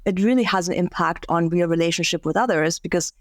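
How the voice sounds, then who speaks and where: A woman's voice: lowish voice, quick pace, dry recording. Reflective woman coach, dry sound. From Germany. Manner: reflective, frequent restarts and fillers. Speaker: career and life coach. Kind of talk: podcast interview guest.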